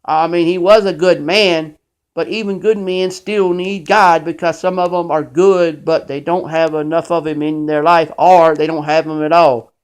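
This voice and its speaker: Preachy man, slightly high voice. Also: steady tone, moderate pace, smooth. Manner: preachy, emphatic, scolding. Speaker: show host. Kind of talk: impassioned faith monologue.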